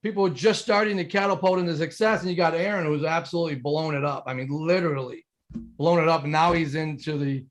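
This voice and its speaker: A man's voice: on the high side, fairly even intonation, a little fast. A man hosting a casual interview, enthusiastic and hyped, tossing in "baby" and "my man". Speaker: host.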